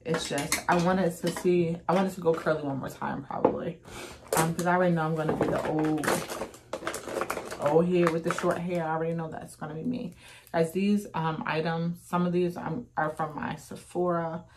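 A woman's voice: sits low, steady tone, normal speed, noisy background. A woman in her thirties chatting casually to her viewers in a home vlog, recorded indoors on a close camera. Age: 30s. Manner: chatty, talks straight to viewers. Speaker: vlogger. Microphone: phone or camera at close range.

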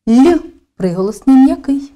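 Slowly and deliberately, a woman teacher narrates a lesson in a mellow, soft-edged voice, her pitch rising and falling freely as she stresses each step. She sounds animated, and soft music plays in the background.

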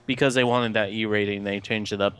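A man's voice: lowish voice, steady tone, fairly quick, a bit bright, clean tone, no room sound, soft background music. A young man casually chatting during a video game, sharing trivia and laughing easily. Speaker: let's play co-host. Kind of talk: casual gaming chat.

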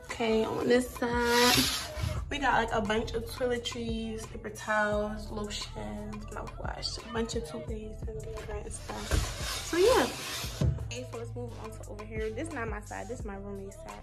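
A woman's voice: on the high side, fairly even intonation, moderate pace, loud music behind the voice. A young woman, a college freshman, giving a casual tour of her dorm room and listing her things for her viewers. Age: young adult. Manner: chatty, listing items, addresses viewers as y'all. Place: small dorm room indoors.

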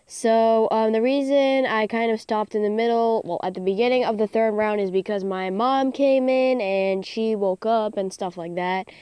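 A woman's voice: fairly high pitch, normal speed, hardly any pauses, warm tone, clear, resonant tone, dry recording. A teenage girl giving casual let's-play commentary, rambling and giggly with lots of "like" fillers, recorded on a phone mic. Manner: hyper and giggly. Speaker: gaming channel host. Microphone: phone screen recording mic.

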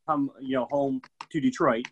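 A middle-aged bourbon educator from Michigan, USA, chats casually over a video call from a room in his home. He rambles enthusiastically, full of fillers, in a mid-range voice with fairly even intonation at a normal speed. A slight hiss or hum sits under the audio.

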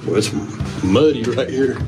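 A man's voice: mid-range voice, a little slow, over music. A man narrating a casual adventure vlog while hiking and exploring mine tunnels, laid-back and chatty with many fillers. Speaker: vlogger exploring mines.

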